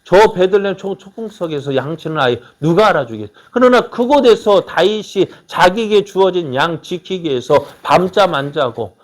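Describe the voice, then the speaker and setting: A male pastor giving a sermon, repeatedly asking the congregation rhetorical questions and swinging between loud exclamations and quiet asides. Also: high-pitched, expressive, normal speed, few pauses.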